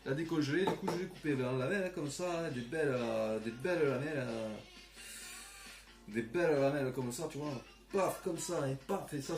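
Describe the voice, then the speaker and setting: A man with a southern French accent running a casual cooking tutorial, cracking crude jokes and tagging his sentences with "hein" as he talks straight to the viewer. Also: on the high side. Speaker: home cook presenting a recipe. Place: home kitchen. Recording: echoey kitchen with music behind.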